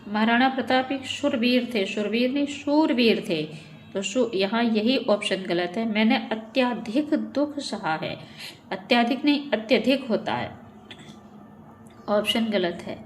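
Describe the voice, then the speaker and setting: A woman's voice: on the high side, animated, measured pace, a little hiss or hum. A woman teaching Hindi grammar in a methodical way, reading each sentence and then correcting it. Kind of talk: online exam-prep lesson.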